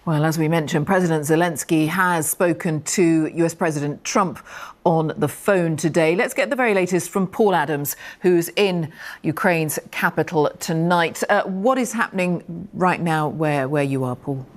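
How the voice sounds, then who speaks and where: A woman's voice: deep voice, moderate pace. A woman presenting the news, introducing reports and correspondents.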